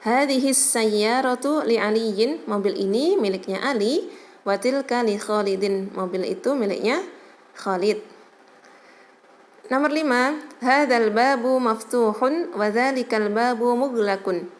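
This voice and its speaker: A woman with a slightly high voice teaches a recorded Arabic lesson. She reads each phrase slowly, translates it, and explains the pronunciation. She checks in patiently with a soft "ya" as she goes. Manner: patient, adds "ya" to check understanding.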